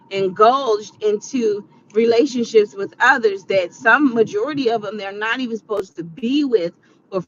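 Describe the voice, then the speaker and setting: A woman's voice: a little high, lo-fi sound, a little hiss or hum. A woman in her forties giving earnest, preachy advice in a casual vlog monologue. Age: 40s. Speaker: vlogger.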